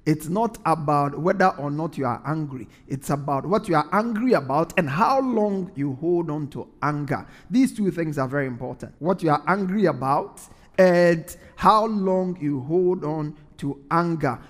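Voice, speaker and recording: Man, preacher, high voice, earnest, repeats lines for emphasis, reverberant hall. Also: moderate pace. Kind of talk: sermon.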